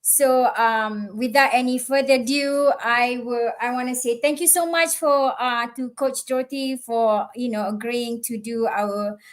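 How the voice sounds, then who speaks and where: A woman's voice: on the high side, steady tone, unhurried, few pauses. A woman hosting a live online interview, speaking hesitantly with many fillers over a video call. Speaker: host.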